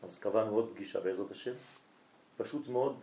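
A man's voice: lowish voice, warm tone. A man, a rabbi, telling a story during a night lesson and acting out both sides of a conversation. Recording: echoey room.

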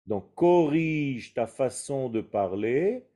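A man's voice: mid-range voice, lively intonation, slow pace, warm tone. A man giving a spoken Kabbalah lesson, explaining patiently with rhetorical questions and Hebrew terms mixed in. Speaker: Kabbalah teacher.

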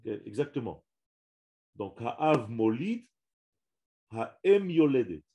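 A man gives a religious lesson on the Hebrew language to a few listeners. He talks slowly, with a mellow, dark tone, and keeps repeating and restarting his words. He leans hard on each Hebrew term. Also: mid-range voice, big pitch swings. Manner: slow, emphatic, repeats and restarts words, stresses Hebrew terms. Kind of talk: religious lesson to a small audience.

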